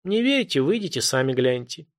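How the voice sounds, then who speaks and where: A man voicing a harried police officer working the phones, brisk and firm, trying to reassure callers. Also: a little high, big pitch swings. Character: harried male police dispatcher, calm but pressed.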